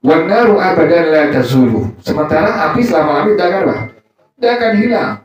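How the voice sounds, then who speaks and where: A man's voice: on the high side, expressive, fast talker. A male Islamic teacher giving a religious study sermon in casual colloquial speech, mixing in Arabic quotations and quizzing his congregation call-and-response style. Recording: echoey distant dull recording.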